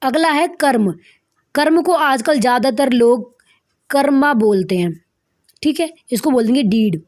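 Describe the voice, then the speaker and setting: A young woman teaching English vocabulary as a lesson, explaining each word and repeating key terms slowly for emphasis. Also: high voice, expressive, darkish tone. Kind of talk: Hindi-language vocabulary lesson.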